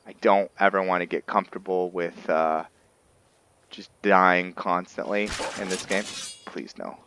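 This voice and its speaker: A man who hosts gaming videos gives casual roleplay commentary while playing, musing and thinking aloud over game music. His voice is deep, level in tone, fairly bright and a little slow, with a little hiss or hum in the audio.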